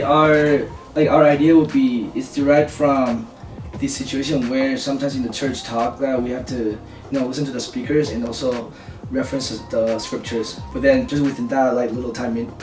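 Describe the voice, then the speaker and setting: A young man from Taiwan talks hesitantly, leaning on fillers. He sounds a little distant in an echoey room, with music playing clearly over the scene. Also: mid-range voice, steady tone, moderate pace. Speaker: student team member. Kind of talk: casual interview. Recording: roomy, mic a bit far, music over.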